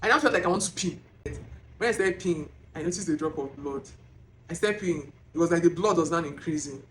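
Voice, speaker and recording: A woman with a Nigerian accent filming herself as she tells a personal testimony, emotional and animated, close to tears. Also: lowish voice, fairly quick, slight background noise. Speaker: vlogger. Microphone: self-filmed camera.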